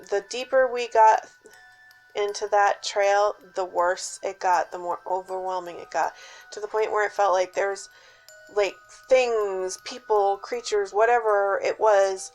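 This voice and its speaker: Female storyteller, mid-range pitch, casual spooky personal tale, suspenseful delivery, hushed dips, emphatic stresses, faint music behind. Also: low-quality recording. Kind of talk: casual spoken personal scary-story telling.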